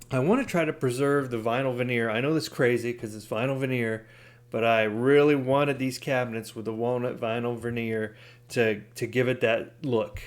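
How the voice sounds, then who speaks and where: A DIY hobbyist hosts a hands-on video tutorial, explaining each step informally and casually. His voice is medium-pitched with a clean tone.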